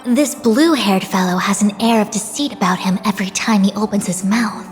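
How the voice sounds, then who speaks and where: Mid-pitched actress as composed, deadpan game seer, formal, reverb. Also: female voice, faint music behind, close to an everyday voice. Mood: dry, skeptical. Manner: measured, deadpan. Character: calm, formal, dryly witty young seer. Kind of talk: video game voice acting.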